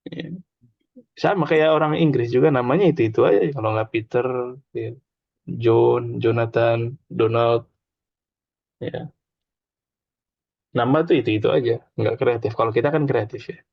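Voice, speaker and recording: A man's voice: mid-range voice, measured pace, creaky, long pauses, no echo. Guy teaching arabic, chatty, lots of examples, dull dry lo-fi sound. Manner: chatty, explains with examples and drills repetition. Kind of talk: informal classroom lesson.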